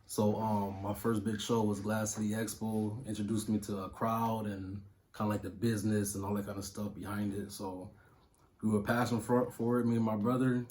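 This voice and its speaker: This Toledo, Ohio music producer in his thirties answers an interview casually, full of slang and filler words. His low, darkish voice barely shifts in pitch and moves at normal speed, with slight background noise.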